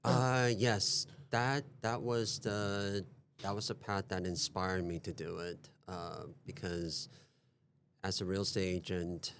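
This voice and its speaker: Male podcast guest, forties, from Taiwan; very low voice, hesitant and repetitive delivery. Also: little pitch movement, fairly bright tone, slight background noise. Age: 40s. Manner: hesitant, halting, repeats himself. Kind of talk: podcast interview.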